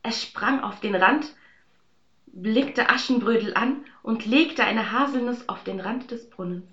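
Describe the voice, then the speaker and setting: A woman telling a fairy tale in a calm, even storytelling voice. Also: fairly high pitch, measured pace, reverberant, dull audio.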